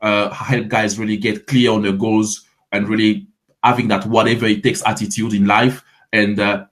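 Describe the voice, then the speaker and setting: A man's voice: fairly low pitch, little pitch movement, normal speed, a bit bright. A man in his twenties from Ivory Coast with a French accent, a fitness coach answering interview questions in a friendly way, often repeating words as he starts.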